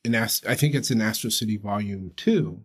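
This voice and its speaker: A man's voice: fairly low pitch, brisk, husky. A man joining a podcast discussion, talking casually and easily. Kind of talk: casual chat.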